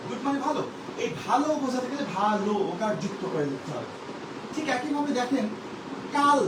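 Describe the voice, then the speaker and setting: A man teaching a spelling lesson for exam preparation, explaining patiently and repeating example sentences slowly. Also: extremely high pitch, noisy background. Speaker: grammar teacher.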